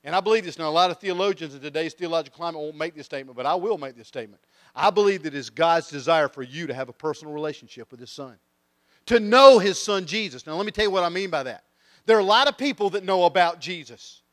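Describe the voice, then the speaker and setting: Man preaching, hushed then soaring. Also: fairly high pitch, animated, quick pace, no room sound, studio quality. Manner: swings from hushed intensity to loud rising emphasis; tells stories with quoted voices. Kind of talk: sermon.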